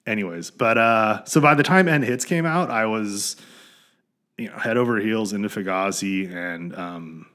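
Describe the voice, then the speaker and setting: A man in his forties co-hosting a podcast, talking in halting casual chat with many fillers. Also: on the low side, fairly bright tone. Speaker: podcast co-host.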